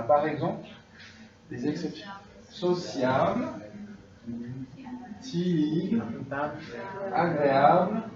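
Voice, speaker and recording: A man's voice: medium pitch, recorded from a distance. A man teaching a class, drilling students and checking in with them often. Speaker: French teacher. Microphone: distant room mic. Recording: dull, echoey, noisy classroom recording from afar.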